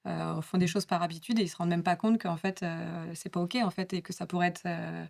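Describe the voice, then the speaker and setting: A woman's voice: on the low side, steady tone, brisk, creaky, darkish tone. A woman speaking on a panel at a business talk, explaining her points casually with many fillers to a live audience. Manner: chatty, many fillers, laughs at herself.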